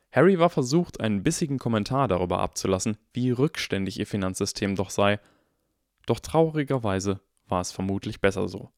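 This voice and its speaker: Lower-voiced male audiobook narrator. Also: no echo, clean studio sound. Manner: calm, even, measured storytelling. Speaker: audiobook reader. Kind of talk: scripted narration.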